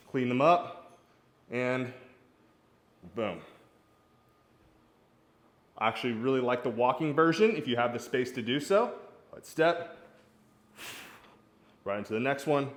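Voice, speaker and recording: A man's voice: medium pitch, animated, takes it slowly, long pauses. A man coaching golf fitness, demonstrating exercises while talking casually and encouragingly in a hot home garage, a little out of breath. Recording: echoey garage.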